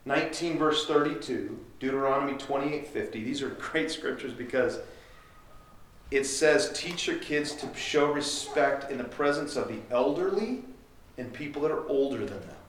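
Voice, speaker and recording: A man's voice: mid-range voice, normal speed, slight background noise. A man preaching as a pastor, direct and earnest, acting out parents and children as he teaches. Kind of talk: sermon. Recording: echoey room, from far off.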